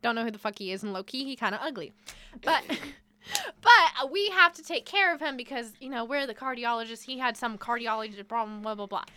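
Young woman co-host, high, sharp and bright, casual and profane. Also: brisk, clear, resonant tone. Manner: loud, animated, swearing, bursts of laughter. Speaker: podcast co-host. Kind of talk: casual chat.

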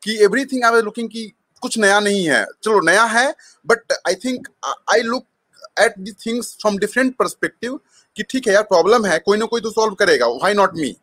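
Speaking very fast in a high, fairly bright voice, a startup co-founder with an Indian accent tells his own story as an interview guest. He hesitates often and keeps slipping into Hindi mid-sentence. The recording is dry.

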